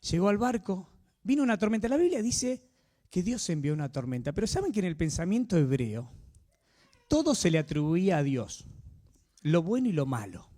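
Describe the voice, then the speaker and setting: Male preacher, Rioplatense accent, lively pitch, keeps asking the congregation questions. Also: moderate pace. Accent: Rioplatense Spanish. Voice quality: animated, swinging pitch. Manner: conversational, asks the audience frequent tag questions. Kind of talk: sermon.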